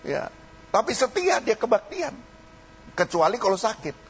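Older Javanese-accented pastor preaching folksy. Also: male voice, high voice, sing-song, a little slow. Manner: folksy, mixing in local dialect, rising to preaching fervor. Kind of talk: sermon. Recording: dull lo-fi recording, faint hum.

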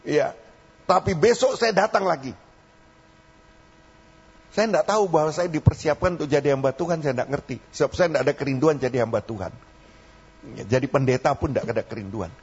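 Quick and medium-pitched, with a darkish, slightly rough tone, the older pastor with a Javanese accent delivers a folksy sermon in local dialect that swells into fervent exhortation. The lo-fi recording is dull, with a faint hum.

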